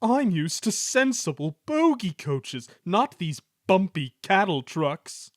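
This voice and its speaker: A man's voice: on the high side, big pitch swings, normal speed, no room sound, studio quality, pitched above the performer's own voice. A man voicing a conceited male steam engine in a children's story, with pompous, sulky complaining. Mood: exasperated grumbling.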